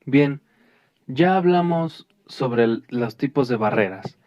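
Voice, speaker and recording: A man's voice: mid-range voice, lively intonation, slow pace, darkish tone, no echo. A man presenting a lesson, talking straight to his listeners and often restarting and correcting himself. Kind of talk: lesson addressing a class. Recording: dull lo-fi dry recording.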